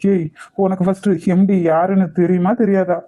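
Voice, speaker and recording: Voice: medium pitch, little pitch movement, brisk, phone-quality sound, slight background noise, close to an everyday voice. A voice actor playing the boss's chatty young male friend in a cartoon, teasing and casual. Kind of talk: cartoon voice acting.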